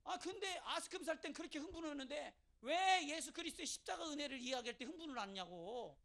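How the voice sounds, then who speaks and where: A male pastor from South Chungcheong preaching a sermon in a church, swinging between quiet asides and shouted exclamations. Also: very high voice, animated, fast talker, vocal fry. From South Chungcheong, Korea. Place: church sanctuary.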